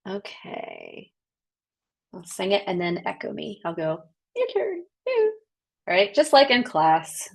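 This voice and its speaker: A woman's voice: fairly low pitch, expressive, moderate pace, vocal fry, few pauses. A woman who is a trained soprano, coaching a group over a video call in a chatty, upbeat, encouraging way with casual fillers. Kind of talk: online voice workshop instruction.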